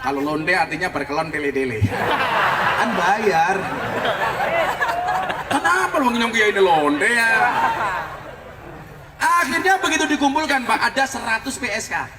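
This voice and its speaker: A man preaching a comic sermon to an outdoor crowd, joking and loud. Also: high voice, lively intonation, measured pace, pauses often, very noisy. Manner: joking, loud, mixes local slang. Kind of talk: comic open-air sermon. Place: outdoor field gathering. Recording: echoey field recording from far off. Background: crowd laughing.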